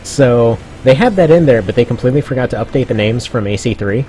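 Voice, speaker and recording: A man's voice: medium pitch, animated, fast talker, mellow, soft background music. A man giving chatty, casual commentary on a game stream, laughing often.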